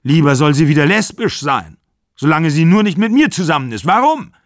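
A man playing a furious, wounded aging actor in his sixties who shouts bitter accusations down the phone. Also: medium pitch, lively intonation, moderate pace, dry recording, clean studio sound, lightly acted.

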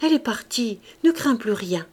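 A woman reading the lines of a gentle, protective older man who reassures a child, in a calm voice. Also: fairly high pitch, moderate pace. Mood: reassuring.

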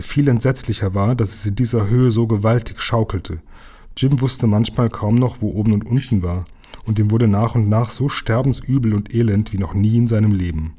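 Brief: man reading a children's story aloud, calm and measured, warm low voice with a husky edge. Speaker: reader.

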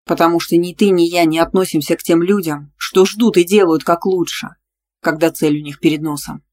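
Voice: medium pitch, steady tone, moderate pace, darkish tone, close to an everyday voice. A reader doing a brash, possessive young teacher. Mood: insistent. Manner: blunt, demanding, teasing. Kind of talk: audiobook dialogue reading.

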